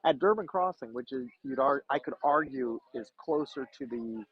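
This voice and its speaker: An easygoing play-by-play announcer chats his way through a youth baseball game from the field's edge, laughing often. His mid-range voice is expressive at normal speed, carried by muffled lo-fi stream audio.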